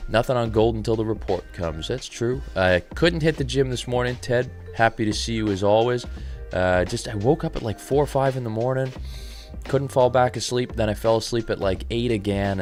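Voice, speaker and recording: A man with a somewhat low voice talks in an unhurried, soft, radio-DJ style. He sounds a little tired but easygoing as he comments live. Quiet music plays faintly behind him. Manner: calm, soft, relaxed radio-DJ delivery. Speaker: trading livestream host. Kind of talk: live market commentary reading chat.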